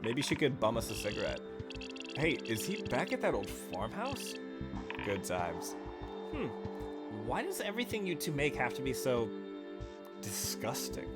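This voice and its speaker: A man's voice: medium pitch, huge pitch swings, unhurried, pauses often. A man doing casual, joking game-stream commentary, slangy and sweary, reacting as he plays. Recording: music behind the voice.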